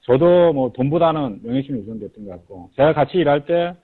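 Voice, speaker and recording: A man being interviewed about his book, explaining his work in a measured, step-by-step way. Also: on the high side, expressive, slightly rough. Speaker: guest, insurance agency head. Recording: tinny lo-fi radio-like audio.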